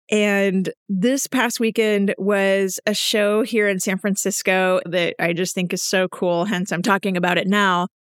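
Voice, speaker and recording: A podcast host, a woman with a medium-pitched voice, chats casually and enthusiastically about an event she attended, calling herself a nerd. The recording is clean studio sound with no room tone.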